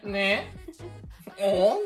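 A man with a nasal voice, stuffed up with hay fever, chatting casually as a radio host in an animated, comic complaining way. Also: high-pitched, drawn-out words, soft background music. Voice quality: nasal, congested voice. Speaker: radio show host and rakugo performer. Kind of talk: casual chat.

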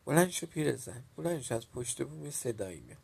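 A man voicing a timid, wistful old village man in a storybook reading, in a soft, plain-spoken way. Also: lowish voice, expressive, husky. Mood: puzzled.

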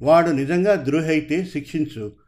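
A man's voice: a little high, fairly quick, darkish tone, lightly acted. A man voicing an anxious, tearful mother who questions her husband in a told story. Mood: pleading. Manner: pleading, questioning.

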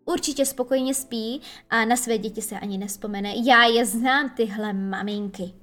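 A woman's voice: on the high side, fairly bright tone, soft background music, close to an everyday voice. A woman voicing a cocky, sulky boy who never grows up, talking with scorn. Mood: scornful. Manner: scornful, boastful.

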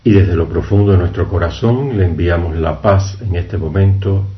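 A man with a very low voice leads Mass as a priest, praying in solemn, measured phrases. The sound is muffled and low-fidelity, like a livestream. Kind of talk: liturgical prayer at Mass.

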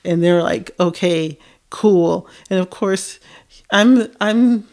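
A woman's voice: medium pitch, slow pace, a little mellow. A woman co-hosting a casual chat, rambling and thinking aloud with lots of fillers. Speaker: podcast co-host.

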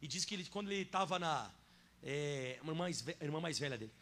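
A male pastor with a Brazilian Portuguese accent delivers a lively sermon in a church. His voice sits high for a man, dropping to quiet asides and then rising into loud, emphatic declarations. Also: fast talker, slight background noise. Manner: animated preaching, swings from soft asides to loud emphatic declarations. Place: church sanctuary.

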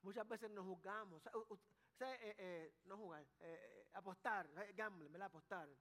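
A man's voice: high voice, moderate pace, fairly bright tone, in a large hall. A man preaching a sermon as pastor, mixing folksy sayings with rising emphasis.

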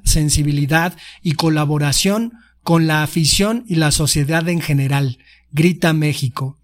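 A young Mexican man hosting a podcast, reading a manifesto aloud in a steady, declamatory way. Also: a little high. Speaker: podcast host.

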